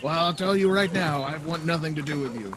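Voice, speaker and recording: A man's voice: on the high side, a little fast, voice pushed up, close to an everyday voice. A man voicing a stern, dismissive town mayor in a tabletop game, haughty and scornful, over a noisy recording. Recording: noisy home podcast recording.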